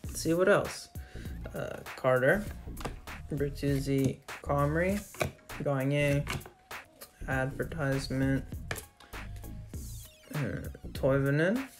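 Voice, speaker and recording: A woman hosting a casual card-opening video, reading off names one after another in a steady list at her desk. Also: extremely low pitch, very slow, pauses often. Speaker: channel host opening trading card packs. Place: indoors at a desk with a card display wall. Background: background music.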